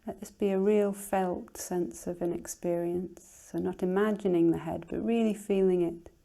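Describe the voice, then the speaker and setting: In a calm, unhurried way, a woman teacher talks listeners through a guided relaxation, her quiet voice trailing into breathiness at the close of phrases. She speaks at a fairly low pitch with a steady tone.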